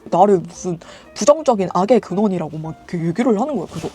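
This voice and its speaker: Lively fast-talking young woman storyteller. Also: fairly low pitch, faint music behind. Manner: chatty, animated retelling. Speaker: storytelling vlogger. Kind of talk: casual storytelling.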